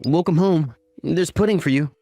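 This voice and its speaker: A performer with a natural, warm, medium-pitched voice speaks at a moderate pace, voicing a caring, teasing young uncle in a romantic comedy manga story. He mildly blends narration and dialogue in an anime-style recap, with background music running under his voice.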